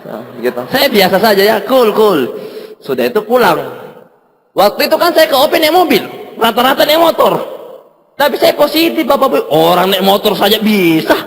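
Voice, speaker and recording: A man telling a motivational story to a seminar audience, animated, laughing often and acting out the dialogue. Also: high voice, fairly quick. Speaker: guest speaker at a business seminar. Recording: long reverb from a hall.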